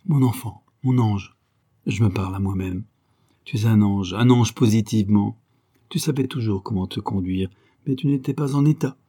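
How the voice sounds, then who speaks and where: A man's voice: on the low side, normal speed, warm tone, lightly acted. A man reading aloud the lines of a proud, touchy father who coaxes his daughter to make peace. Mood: coaxing.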